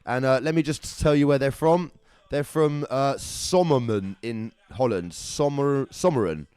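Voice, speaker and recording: A man's voice: mid-range voice, a little slow, a little mellow, smooth, no room sound. Chatty man hosting a live draw. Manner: chatty and upbeat, calls viewers lovelies and brother. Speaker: live competition draw host. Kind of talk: casual livestream chat.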